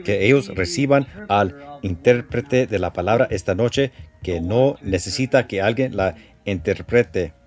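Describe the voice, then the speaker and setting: A man preaching a sermon and leading a prayer with fervour, repeating words and putting questions to the congregation. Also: fairly low pitch.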